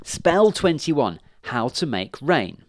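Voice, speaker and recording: A man voicing a giddy, silly young female witch in a storybook, with an excitable, squealing manner. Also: mid-range voice, normal speed, dry recording, clean studio sound, pitched above the performer's own voice, natural voice. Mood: eager.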